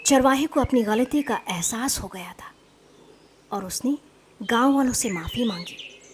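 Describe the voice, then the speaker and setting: Woman, children's story narrator, slow expressive reading, fairly high voice, faint background noise.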